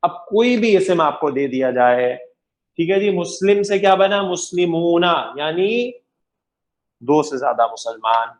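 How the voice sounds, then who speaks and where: A man delivers a grammar lecture in a slightly high voice. He talks patiently, repeats each example and keeps checking that his students are following. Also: animated. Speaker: Arabic grammar teacher.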